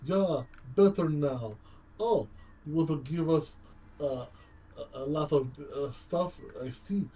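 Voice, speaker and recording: Over an online voice call during a game livestream, a man with a low baritone banters casually, swearing and repeating his phrases often. He takes it slowly and sounds mellow, and the voice chat carries clear background noise.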